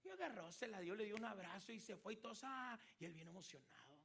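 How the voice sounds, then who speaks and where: A man's voice: high voice, sing-song, quick pace, creaky, a bit bright, husky. A man with a Mexican Spanish accent, preaching as a pastor and asking his listeners questions as he tells a story. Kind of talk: sermon.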